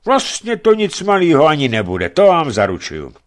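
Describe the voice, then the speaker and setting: A man's voice: medium pitch, very animated, pitched above the performer's own voice. A man playing a brash, leering Australian sailor. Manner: boastful, loud, leering.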